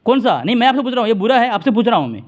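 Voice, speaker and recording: A man's voice: very high voice, sing-song. A man in a theological debate over a phone call, insistently pressing his opponent for answers while staying formally respectful. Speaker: religious debater.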